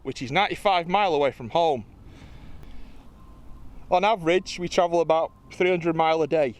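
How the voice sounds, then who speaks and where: Jokey high-voiced man. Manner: jokey, chatty, self-mocking. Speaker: host. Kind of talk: casual Q&A vlog. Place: outdoors in a field.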